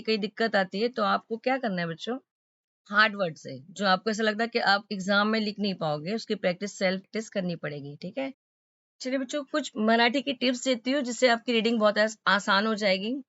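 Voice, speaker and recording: A woman's voice: a little high, fairly bright tone, no room sound. A woman explains a school lesson to young students in a patient, teacherly way, stopping often to check that they follow. The recording is dry and close, with a slightly dull, lo-fi tone. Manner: patient, repeatedly checking understanding.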